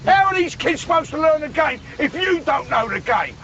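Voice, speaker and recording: An actor playing an angry, abusive football dad, bellowing insults from the sideline. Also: male voice, extremely high pitch, big pitch swings, moderate pace, gravelly, fairly bright tone, slight background noise, heavily acted. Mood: furious shouting. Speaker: parent spectator in a campaign video. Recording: dull recording with outdoor ambience.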